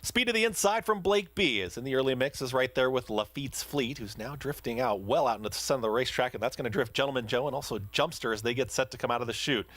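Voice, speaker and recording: A man's voice: medium pitch, fast talker, hardly any pauses, a bit bright, no echo. A man working as a race caller, giving live, urgent commentary on a horse race. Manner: urgent race caller delivery, building in intensity.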